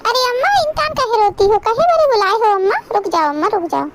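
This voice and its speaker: Woman voicing a bossy, protective daughter, cartoon, very high-pitched. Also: very animated, fast, background noise. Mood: concerned. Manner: brash, scolding. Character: bold married daughter, protective, boastful.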